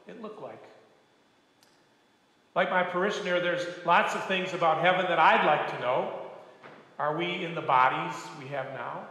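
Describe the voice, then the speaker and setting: An older man, a retired pastor, preaching a sermon with gentle, folksy storytelling and humor. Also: a little high. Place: church sanctuary. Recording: echoey church hall.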